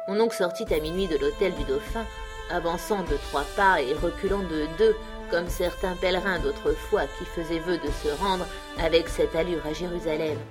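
A woman reading a classic novel aloud in a measured storytelling manner. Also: fairly low pitch, music in the background. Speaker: audiobook narrator. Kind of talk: literary audiobook narration.

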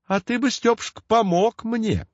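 A man voicing a sharp-tongued, sarcastic village housewife who needles her husband. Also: high voice, normal speed, dry recording, muffled recording, voice pushed up.

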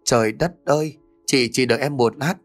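A man's voice: medium pitch, brisk, soft background music, natural voice. A man voicing a flustered, helpful middle-aged uncle who talks in a hurry in an audio horror story. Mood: hurried.

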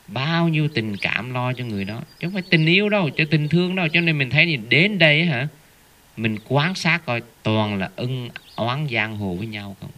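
A man's voice: mid-range voice, pushed and bright. A man giving a Buddhist dharma talk, telling a story and often asking his listeners rhetorical tag questions. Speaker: Buddhist teacher.

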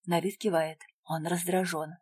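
A woman narrating a first-person audiobook in a quiet, tense, measured voice. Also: lowish voice, little pitch movement, slightly rough, no room sound.

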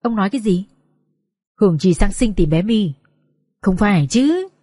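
A woman's voice: mid-range voice, animated, moderate pace, warm tone, dry recording, clean studio sound, lightly acted. A woman as a brash, exasperated friend. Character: brash, blunt male friend.

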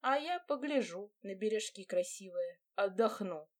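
A woman reading an audiobook, voicing a gruff peasant boatman who speaks in a blunt, rustic way. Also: medium pitch, lively intonation, unhurried, lightly acted. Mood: grumbling.

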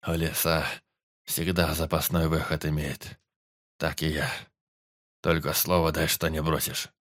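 A man reading the part of a badly wounded forester, speaking low, weak and broken, gruff and used to giving orders. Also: completely flat delivery, measured pace, fairly bright tone, no echo, clean studio sound. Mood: weak, strained. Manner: strained, breathless, low and broken.

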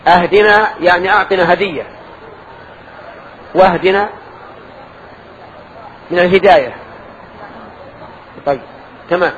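An older man teaches a lesson in a mosque, asking his students questions and correcting their answers. His voice sits high for a man. The recording is dull and lo-fi, with a faint hiss underneath. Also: fairly quick, long pauses, fairly bright tone. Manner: quizzing students, correcting them, explaining. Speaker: religious teacher.

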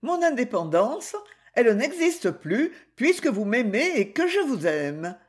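A man's voice: very high-pitched, very animated, measured pace, voice pushed up, full character voice. A man voicing a proud, tender young woman in love, grave and fervent.

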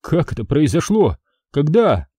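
Male reader voices a blunt young man, brusque and slangy, slightly raised pitch, dry close sound. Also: sing-song, unhurried, warm tone, slightly rough, no echo, heavily acted. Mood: shocked. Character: young man back from fighting, blunt and impatient.

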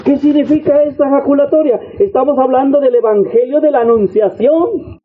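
A man with a strikingly high voice preaches a sermon, building his points through repeated, rhythmic phrases. He exhorts the congregation directly. The sound comes through a thin, phone-like radio line. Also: normal speed. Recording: tinny phone-like radio broadcast.

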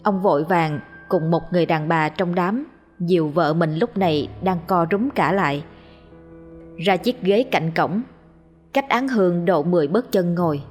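Low-voiced woman narrating a ghost story. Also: moderate pace, darkish tone, soft background music.

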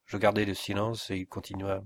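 A man reading a classic novel aloud as an audiobook, in a measured, literary reading. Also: low voice, monotone. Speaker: audiobook reader. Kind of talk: scripted narration of a classic novel.

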